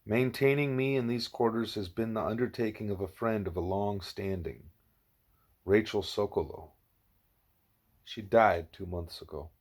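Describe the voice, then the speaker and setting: A man with a lowish voice plays a grave, patient, wise animal teacher in an audiobook, delivering his lines in a measured, formal and didactic manner.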